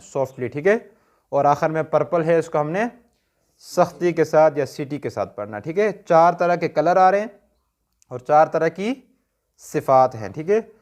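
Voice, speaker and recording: Man, Pakistani Urdu accent, tajweed teacher, slightly high voice, patient question-and-answer style. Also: darkish tone. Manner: patient, asks questions and answers them himself. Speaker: Quran recitation teacher. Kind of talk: online tajweed lesson.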